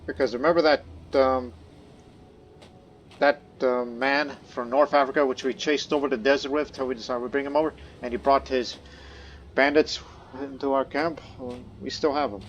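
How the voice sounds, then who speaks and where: In a steady, mid-range voice at a moderate pace, a let's play host gives rambling, casual commentary, restarting often and leaning on fillers, occasionally voicing his in-game ruler. The audio is dull with slight background noise and faint game music. He learned Croatian as a second language; it isn't his native tongue.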